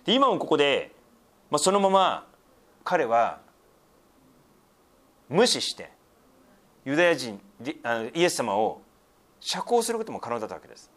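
A man's voice: a little high, huge pitch swings, moderate pace, pauses often, a bit bright. A middle-aged male pastor giving a sermon, explaining scripture with frequent asides and a conversational, teaching tone.

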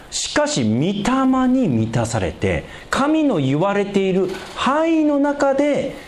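A man preaching a sermon in an animated way, with chuckles along the way. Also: slight background noise. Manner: animated preaching with big pitch swings and light laughter. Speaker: pastor.

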